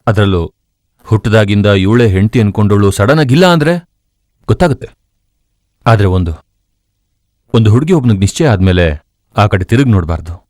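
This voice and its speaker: A man's voice: lowish voice, expressive, a little fast, long pauses, darkish tone, dry recording, studio quality, lightly acted. An actor playing a stern, hot-tempered young village man who speaks firmly and with menace. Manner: firm, threatening. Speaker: hero engaged to his cousin. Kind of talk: Kannada film dub.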